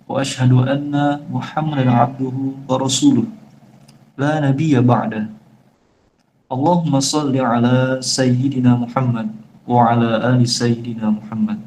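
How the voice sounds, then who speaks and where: A man's voice: medium pitch, warm tone, slight background noise. A young man with a Sumatran, Palembang-tinged Indonesian accent, an ustadz giving a chatty, firm Islamic lecture to friends in an online session over a phone call. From Jambi, Sumatra. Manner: chatty, addresses listeners as friends, firm emphatic tone. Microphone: phone on a video call.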